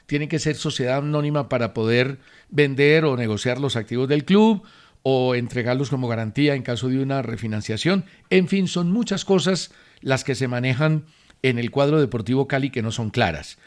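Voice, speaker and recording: A man hosting a sports radio talk show, giving his opinions in a measured, emphatic way. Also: mid-range voice. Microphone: studio radio mic.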